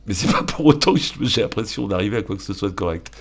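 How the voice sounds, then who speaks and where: A man hosting a gaming video, joking and shouting at the game as he plays and talks to his viewers. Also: lowish voice, lively intonation, fast, breathy edge. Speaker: gaming channel host. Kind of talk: live let's-play commentary.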